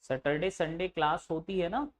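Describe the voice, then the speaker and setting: A man's voice: on the high side, moderate pace. A male teacher giving a classroom lecture, asking his students questions and answering them himself, and teasing them now and then.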